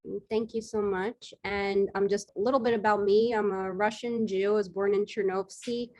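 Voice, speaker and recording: A woman from New York hosting a panel in a brisk, chatty way. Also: medium pitch, level tone, a little mellow. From Queens, New York. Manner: brisk, chatty, thanks each speaker. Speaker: host.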